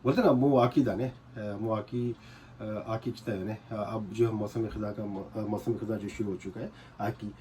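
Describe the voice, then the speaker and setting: A man's voice: fairly low pitch, fairly even intonation, unhurried, warm tone, a little hiss or hum. A man teaching a casual whiteboard lesson, patiently repeating points and checking that students follow. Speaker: language teacher.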